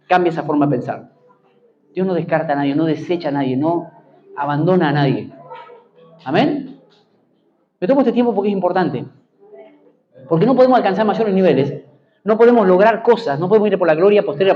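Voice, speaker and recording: A man's voice: sits high, muffled recording, slight background noise. A man with an Argentine accent preaching a sermon as pastor, emphatic, repeating key phrases and calling for amens. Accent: Argentine Spanish.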